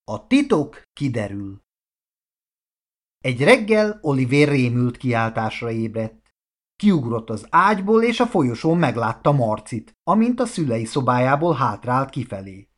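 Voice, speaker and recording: A man narrating a children's audiobook in an expressive storytelling manner. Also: mid-range voice.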